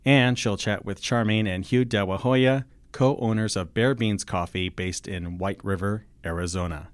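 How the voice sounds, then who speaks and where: A man's voice: fairly low pitch, unhurried, no echo. A man reading a scripted radio show intro in a polished announcer manner.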